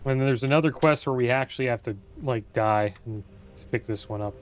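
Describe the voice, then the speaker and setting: A man's voice: mid-range voice, brisk. A man giving casual, informal let's play commentary as a gaming video host. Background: faint game music and sounds.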